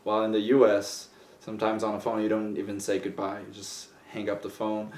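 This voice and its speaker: Young male interviewee, low and even, echoey distant mic. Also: fairly quick. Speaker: international student. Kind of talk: interview testimony. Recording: roomy, from a distance.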